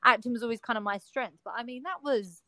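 A woman's voice: fairly high pitch, fast, sharp tone, dry recording. A young woman with a regional English accent, an actor chatting casually and expressively, with lots of filler words. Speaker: actor, podcast guest or co-host. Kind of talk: casual chat.

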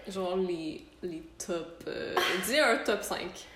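A woman's voice: lowish voice, lively intonation, slow pace, loud music behind the voice. A young woman with a Quebec French accent, chatting casually as co-host and interviewer on a podcast. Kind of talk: casual, giggly chat. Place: echoey indoor room. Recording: echoey room, background noise.

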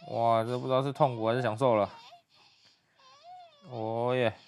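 A young man giving hushed, muttered play-by-play commentary as he reacts to a video. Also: mid-range voice, level tone, normal speed, a little hiss or hum.

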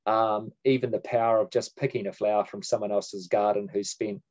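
A man co-hosting a podcast, chatting in a relaxed, enthusiastic way and swearing casually. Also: lowish voice, fairly quick. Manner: laid-back, sweary, enthusiastic. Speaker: podcast co-host. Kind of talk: casual chat. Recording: slightly dull sound.

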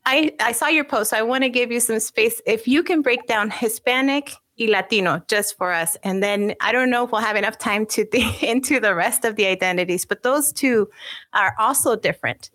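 A woman's voice: a little high, moderate pace, a bit bright, no echo. Woman hosting a chat, slips spanish phrases in, dry sound, kinda thoughtful. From Guatemala. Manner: bilingual, mixes Spanish phrases. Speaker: host. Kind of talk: conversational interview.

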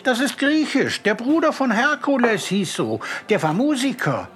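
A man voicing a cheerful, curious young girl in a children's audiobook, bright and eager. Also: very high voice, sing-song, moderate pace, slight background noise, voice pushed up, full character voice.

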